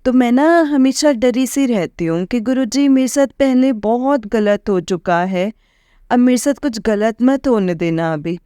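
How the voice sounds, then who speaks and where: A woman's voice: a little high, expressive, unhurried, dark tone, clear, resonant tone, no room sound, studio quality. A young woman, earnestly and emotionally sharing her devotional experiences with listeners, often addressing them directly. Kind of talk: personal devotional testimony.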